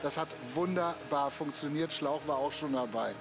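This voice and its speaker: A man giving an upbeat, folksy infomercial sales pitch as a teleshopping host, speaking off the cuff. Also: normal speed, music in the background.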